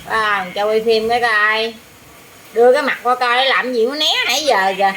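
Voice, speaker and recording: A woman's voice: fairly high pitch, a little fast, a bit bright, a little hiss or hum. A woman with a Southern Vietnamese accent talking to her pet parrot, teasing it and asking it questions over and over. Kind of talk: casual talk to a pet.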